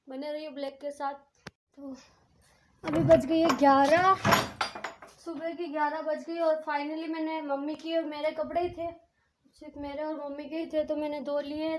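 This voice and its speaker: A young woman from India with a Rajasthani Hindi accent, chatting to her viewers in a casual village vlog and rambling through everyday stories. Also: high voice. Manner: chatty, rambling storytelling to camera. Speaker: village vlogger. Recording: noisy phone recording.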